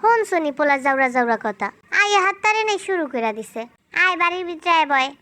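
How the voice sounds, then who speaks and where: A woman's voice: extremely high pitch, big pitch swings, fast talker, bright, forceful tone, dry recording, exaggerated voice. A woman voicing a fond, fussing middle-aged village aunt in a fan-fiction audio story, in a rural Bangladeshi dialect. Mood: chiding. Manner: fond, chiding.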